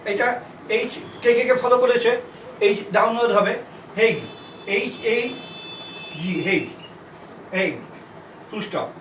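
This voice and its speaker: A man's voice: extremely high pitch, a little slow, long pauses, noisy background. A man with a Bengali accent teaching shorthand, dictating sentences word by word and spelling out letters. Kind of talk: slow dictation lesson. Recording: echoey room, mic far off.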